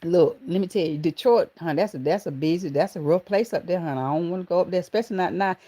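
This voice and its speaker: A fast-talking woman with a lowish voice and a Southern accent hosts a relaxed livestream from Georgia. Greeting viewers by name, she calls them baby and honey in an affectionate, animated way.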